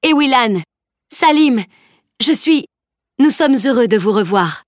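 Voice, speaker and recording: A woman reading a composed, authoritative male leader who speaks in a measured way. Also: sits high, expressive, no echo, clean studio sound, voice pushed up. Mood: warm. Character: stern, composed male leader, man of arms.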